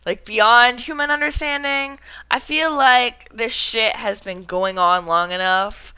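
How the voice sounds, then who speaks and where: A woman's voice: a little high, measured pace, bright, forceful tone, clean tone. A woman streamer giving casual gameplay commentary, rambling with lots of fillers and cursing freely. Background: game music.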